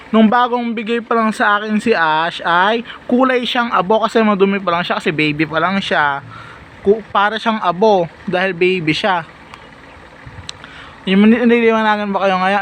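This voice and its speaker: Playful high-voiced young man doting on cats. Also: moderate pace, long pauses, fairly bright tone, a little hiss or hum, rough recording. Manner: playful, doting, talks to his cats with sudden squealing exclamations. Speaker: vlogger. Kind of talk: casual vlog talk to camera.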